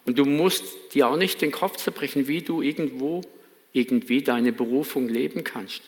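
A pastor with a light Baden German accent gives an earnest, emphatic sermon at a moderate pace. His voice sits in the mid range, and the church hall around him is reverberant.

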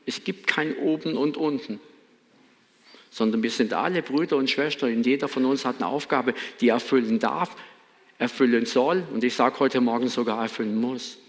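A man's voice: mid-range voice, normal speed, a little hiss or hum. A man preaching a sermon in a church, earnest and emphatic, with a light Baden accent. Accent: Baden German. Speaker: pastor. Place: church hall. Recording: reverberant church hall.

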